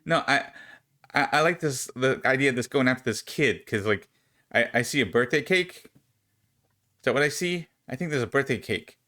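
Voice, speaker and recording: Man, tabletop player, mid pitch, hesitant, repeats words. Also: lively intonation, moderate pace, bright, forceful tone.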